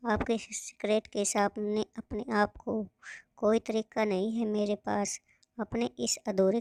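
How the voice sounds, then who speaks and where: A woman's voice: mid-range voice, gravelly, dark tone, no room sound. Woman reading as a grieving young wife. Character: grieving young pregnant wife writing a letter.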